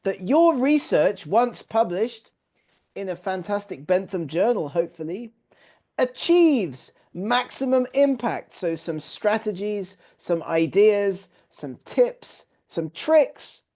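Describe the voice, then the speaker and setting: A man's voice: high-pitched, expressive, slow, dark tone. Upbeat English man hosting a webinar. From England. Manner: upbeat and welcoming, lots of praise words. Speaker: webinar host. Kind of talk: live online webinar hosting. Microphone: video call.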